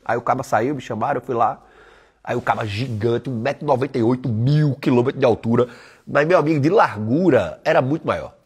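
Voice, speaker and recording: A man's voice: mid-range voice, brisk, a little mellow, slightly rough. A man giving a blunt, profane motivational talk on a live stream. He tells stories and mimics the people in them. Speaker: online weight-loss coach.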